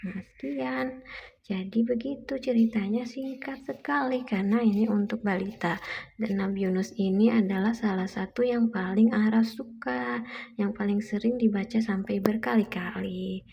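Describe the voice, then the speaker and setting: A woman's voice: medium pitch, steady tone, normal speed, creaky, warm tone, husky. A woman, a mother reading a picture book aloud to toddlers in simple storytelling, repeating and explaining lines, on a muffled recording with background noise.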